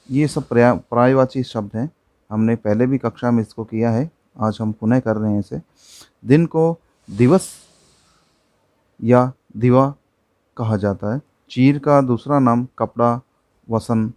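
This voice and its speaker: Patient Hindi-lesson teacher, dry sound. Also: male voice, mid-range voice, a little mellow, no echo. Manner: patient, explains slowly with examples. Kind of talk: classroom lesson explanation.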